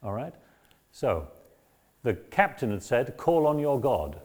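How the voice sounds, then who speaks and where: Man, lecturer, measured explanations, louder when reading quotes, dark mellow voice. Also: mid-range voice, very animated, slightly rough. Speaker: lecturer on the Bible. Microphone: battery-powered mic.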